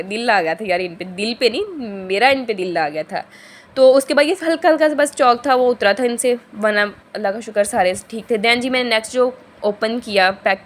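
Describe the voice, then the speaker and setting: A young woman from Pakistan, a vlogger, chatting casually through a shopping haul in a hoarse, heavy voice from a sore throat, rambling and often correcting herself mid-sentence. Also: on the high side, a little hiss or hum.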